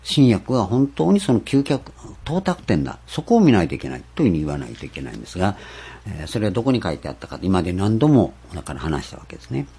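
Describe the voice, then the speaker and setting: Man, sermon, husky tone, animated rising and falling pitch, emphatic. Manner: emphatic, rhetorical questions, slows down to stress scripture. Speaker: pastor.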